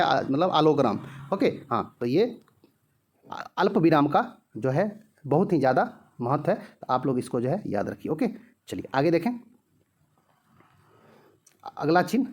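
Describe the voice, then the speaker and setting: Explaining Hindi teacher with filler phrases. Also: male voice, sits high. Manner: heavy use of filler "jo hai", rhetorical questions answered himself; repeats example sentences slowly. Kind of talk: exam-prep grammar lesson.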